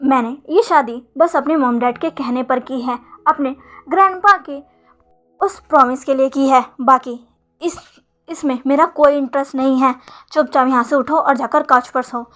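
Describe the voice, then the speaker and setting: A woman's voice: high-pitched, moderate pace, a bit bright, faint music behind. A woman voicing a cold, arrogant rich young man who gives curt commands, in a storybook retelling.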